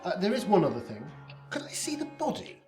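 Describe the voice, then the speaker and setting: A woman's voice: medium pitch, wildly swooping pitch, fairly quick, dark tone, echoey room, faint music behind. A woman playing an assured, wry time traveller with a dry, confident manner in an audio drama.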